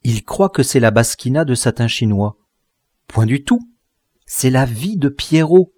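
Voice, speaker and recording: A man doing a young bride in an audiobook, sweet and eager, her tender words rising and falling in a lively, unhurried melody. The reading is dry and close, with no room around it. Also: medium pitch, dry recording.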